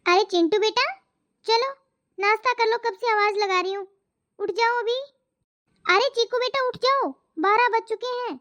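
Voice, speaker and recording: A woman voicing an overworked housewife and mother in an animated family story, scolding and complaining about her chores. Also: extremely high pitch, moderate pace. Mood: coaxing. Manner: complaining, scolding, talks to herself. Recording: muffled lo-fi voice track.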